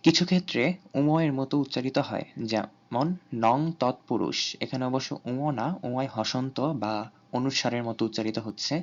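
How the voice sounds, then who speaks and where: Measured man teaching a lesson. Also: medium pitch, lo-fi sound. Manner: measured, explanatory, pauses between terms. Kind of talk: online grammar lesson.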